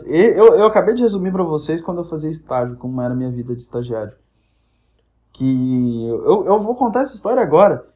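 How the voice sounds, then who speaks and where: A man's voice: high-pitched, a little mellow. A young man from Brazil hosting a podcast, telling a casual comic story with crude, profane humor and acting out the voices of the people in it. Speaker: podcast host.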